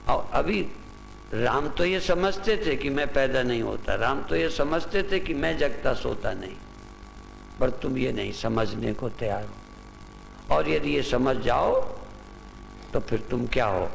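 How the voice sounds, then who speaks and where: Gravelly man guiding breath in a hall. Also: mid-range voice, animated, slow. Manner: instructs a group step by step with repeated short commands. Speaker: spiritual teacher. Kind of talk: spiritual discourse and guided breathing exercise. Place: large hall with a gathered audience. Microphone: loudspeaker microphone. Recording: long reverb in a hall, faint noise.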